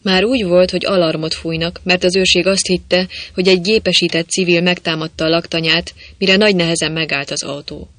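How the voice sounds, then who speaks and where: A man reading a novel aloud as an audiobook narrator, telling it in a lively way. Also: high-pitched, few pauses, no room sound. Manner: lively storytelling, voicing quoted characters. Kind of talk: scripted narration.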